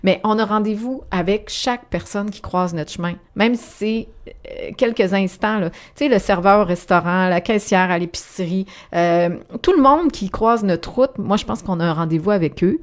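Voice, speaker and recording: Speaking at a moderate pace in a mid-range voice, this Québécois author reflects aloud as a radio interview guest. She frequently stops and restarts her sentences and leans on fillers.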